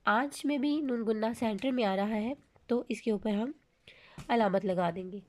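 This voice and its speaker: A woman with a Pakistani Urdu accent teaching a grammar lesson, explaining patiently and drawing out each example word slowly. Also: a little high, a little mellow. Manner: explains slowly, reads example words drawn out.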